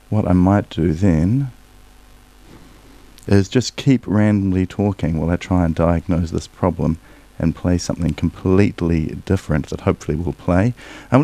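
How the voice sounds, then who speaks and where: A man's voice: low-pitched, vocal fry, mellow, no echo. A man hosting a community radio music show, chatting casually and cheerfully between songs. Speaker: radio DJ and host. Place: radio studio. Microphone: studio microphone.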